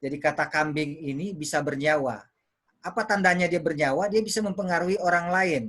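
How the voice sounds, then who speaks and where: A man's voice: a little high, a little fast, a bit bright. A man teaching public speaking on a video call, explaining with everyday examples and repeating words to show intonation. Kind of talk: online workshop teaching.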